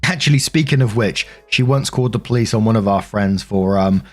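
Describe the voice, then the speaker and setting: Faint music plays behind a fairly low-pitched, brisk male voice. The speaker, a British man, hosts and narrates a story compilation in a casual, chatty, rambling and sweary manner, mixing in personal remarks.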